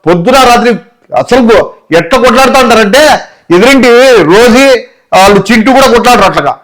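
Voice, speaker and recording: Guy playing a fed-up neighbor, complains in a rush, highish voice. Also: lively intonation, quick pace, fairly bright tone, low-quality recording. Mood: complaining. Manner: complaining, exasperated. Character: sleepless complaining male neighbor.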